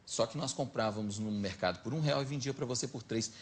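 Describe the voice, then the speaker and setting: Mineiro storytelling on a talk show. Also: male voice, medium pitch, a little fast, slight background noise. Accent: Minas Gerais. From Minas Gerais, Brazil. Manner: lively anecdotal, animated retelling. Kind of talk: casual storytelling chat.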